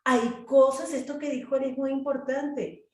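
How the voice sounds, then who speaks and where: A woman's voice: sits high, moderate pace, echoey room, far from the mic. A woman leading a group Bible study, speaking animatedly and acting out prayers and quotes. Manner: animated, acts out prayers and quotes in changing voices.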